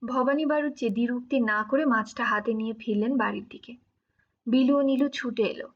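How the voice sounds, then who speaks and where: A woman narrating an audiobook of a classic novel in an even, measured storytelling manner. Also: a little high. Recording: dull lo-fi recording.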